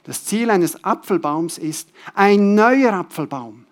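A man preaching a sermon to a congregation, repeating key words and swinging between loud, stressed phrases and soft drops. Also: high-pitched, lively intonation, slow pace.

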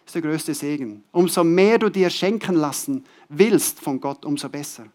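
A man preaching to his congregation in a fairly high voice. He hammers key words through repetition, pushes some phrases out loudly and lets others fall away almost to a murmur. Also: normal speed. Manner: emphatic, swinging between loud stressed words and soft drops; repeats key words for emphasis. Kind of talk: sermon to a congregation.

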